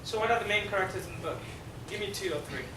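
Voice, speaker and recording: South Sudanese man speaking to a class. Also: high voice. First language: Dinka. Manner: halting, explanatory, many fillers. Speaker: guest speaker. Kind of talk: classroom presentation. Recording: echoey room from far off, noisy.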